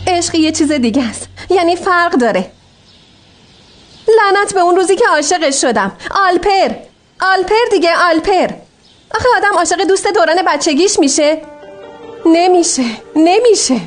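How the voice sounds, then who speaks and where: A woman's voice: very high voice, animated, faint music behind. A woman dubbing a lovesick, frustrated young woman in a drama. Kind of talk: dubbed drama dialogue.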